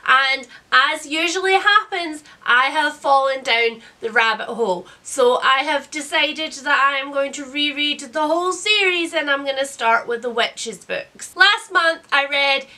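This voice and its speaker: A woman's voice: high voice, bright, forceful tone. A woman in her thirties, sounding sick with a cold, chats casually about books in a chatty, self-deprecating way. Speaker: book vlogger. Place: indoors, small book-lined room.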